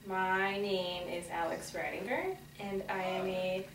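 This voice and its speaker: A woman's voice: mid-range voice, level tone, unhurried. A young woman in her early twenties, a cello student, explaining her thoughts in an interview, recorded by a camera across a small room. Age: young adult. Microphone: camera mic at a distance. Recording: echoey room, far from mic, noisy.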